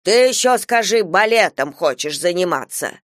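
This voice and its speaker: A woman's voice: lowish voice, expressive, normal speed, a bit bright, dry recording. A stern old grandmother who scolds in weighty, reproachful phrases, voiced by a woman narrator. It is a storybook reading with a dry, close sound. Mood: scolding.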